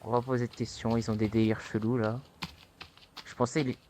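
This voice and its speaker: A young man giving casual let's-play commentary, taunting and excitable, with sudden high-pitched yelps. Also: a little fast, a little hiss or hum. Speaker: gaming youtuber.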